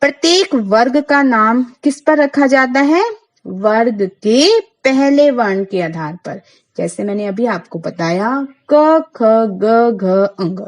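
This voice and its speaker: A woman's voice: fairly high pitch, lively intonation, slow, poor audio. A woman teacher giving a grammar lesson to schoolchildren, asking the class questions and then answering them herself, and spelling out the sounds one by one.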